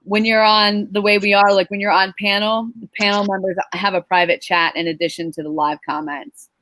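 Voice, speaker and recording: A woman's voice: medium pitch, fairly even intonation, fairly quick, fairly bright tone, no room sound, poor audio. A woman from Ohio chatting on a stream, explaining things plainly and swearing now and then. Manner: plainspoken, explains matter-of-factly. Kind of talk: casual chat.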